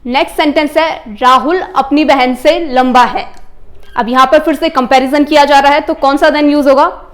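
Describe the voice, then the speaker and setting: A woman with a high, clear voice explains English grammar to her viewers, whom she calls friends. She dictates example sentences slowly and spells words out letter by letter. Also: fairly even intonation. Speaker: English teacher.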